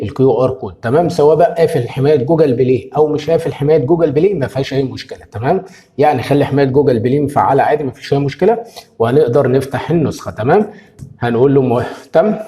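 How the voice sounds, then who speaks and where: A man's voice: medium pitch, dark tone. A man with an Egyptian Arabic accent walking viewers through a phone app tutorial, repeating each step and checking in with "okay?" after it. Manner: keeps asking "tamam?" after each step; explains steps patiently and repeats them. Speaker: tech tutorial host. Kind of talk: screen-recorded phone tutorial.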